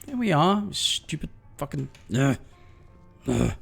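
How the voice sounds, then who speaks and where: A man's voice: fairly high pitch, big pitch swings, slow pace, gravelly, fairly bright tone, breathy edge, soft background music. A man streaming a video game, swearing and ranting in frustration at bugs. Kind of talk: casual gameplay commentary.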